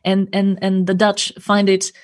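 Speaking a little slowly in a monotone, mid-range voice, a woman who works as a language coach and interpreter explains her answers in an interview. She's earnest and frequently ends points with a tag question.

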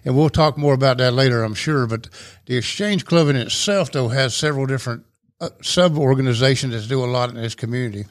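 A man's voice: mid-range voice, brisk. A man, a club president talking at length as an interview guest in a folksy, rambling way. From Rome, Georgia, USA. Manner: talkative, folksy, rambling explanations. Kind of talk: casual interview chat.

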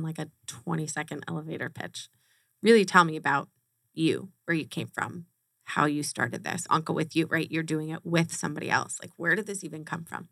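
A woman's voice: lowish voice, gravelly, bright, forceful tone, no room sound, clean studio sound. A woman hosting a podcast interview, enthusiastic and chatty, who laughs often. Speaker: podcast host. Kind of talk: casual interview chat.

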